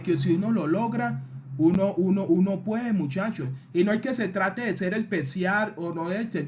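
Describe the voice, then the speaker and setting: Young Colombian streamer, a man with a high voice, earnest heartfelt testimony delivered directly to the audience. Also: darkish tone, a little hiss or hum. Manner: earnest, heartfelt, often addressing the listeners directly. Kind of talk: personal life story told to a live audience.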